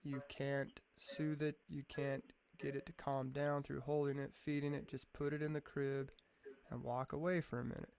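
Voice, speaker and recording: Gravelly laid-back guy, swears freely. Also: medium pitch, flat delivery, moderate pace, darkish tone. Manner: laid-back, profane storyteller who says "man" a lot. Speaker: podcast guest. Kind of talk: casual chat.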